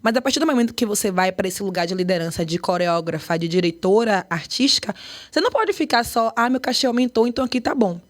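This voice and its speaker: A woman with a Bahian Portuguese accent talks in a podcast interview, lively and emphatic. She is a choreographer and artistic director who tells her stories at a brisk, animated clip with a mid-pitched voice. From Brazil, Bahia.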